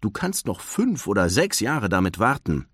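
A man's voice: on the low side, big pitch swings, normal speed, fairly bright tone, slightly rough, no room sound, studio quality, full character voice. A man voicing Marlin, an anxious, overprotective clownfish father who fusses in a worried tone. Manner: worried, fussing.

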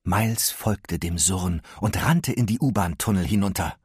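Male storybook narrator, steady delivery, low-pitched and a touch husky. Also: moderate pace, dry recording, studio quality.

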